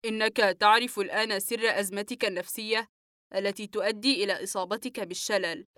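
A woman reading the part of a calm male psychiatrist in an audiobook, speaking slowly and evenly. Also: mid-range voice, dry recording, clean studio sound, natural voice. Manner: calm, slow, measured.

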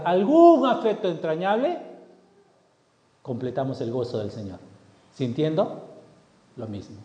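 Male pastor, sermon, animated storytelling, rhetorical questions, high lively voice, echoey church hall, dull sound.

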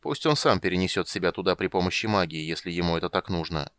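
A man voicing a huge, sullen warrior in an audiobook, speaking flatly and gruffly. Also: sits low, quick pace, dry recording. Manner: flat, gruff, muttering.

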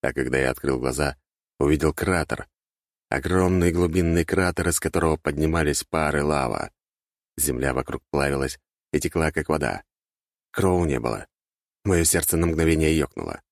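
A male narrator reads a fantasy audiobook in a very low, gravelly voice. His delivery is steady and dramatic. The recording is dry and close-miked. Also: moderate pace, no echo.

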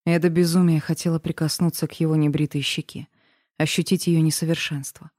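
A woman's voice: deep voice, little pitch movement, a little fast, darkish tone, no echo, clean studio sound. A woman narrating a first-person romance audiobook with an emotional, dramatic reading.

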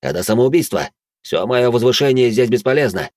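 A man's voice: sing-song, fairly quick, a little mellow, dry recording, studio quality, close to an everyday voice. A man voicing a cowardly male lord in an audiobook who pleads and shrieks in panic. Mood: pleading. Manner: shrill, pleading, hysterical.

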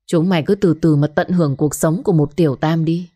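A woman's voice: deep voice, fairly even intonation, a little fast, warm tone. A woman narrating a dramatic story in first person, with scornful, cutting retorts. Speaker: audiobook narrator.

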